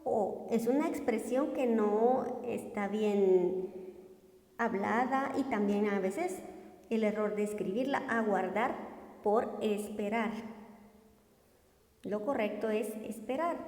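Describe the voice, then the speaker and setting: A woman teaching a Spanish language lesson, explaining slowly and deliberately with repeated examples. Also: fairly high pitch, darkish tone, echoey room, big-room sound. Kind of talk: classroom lesson.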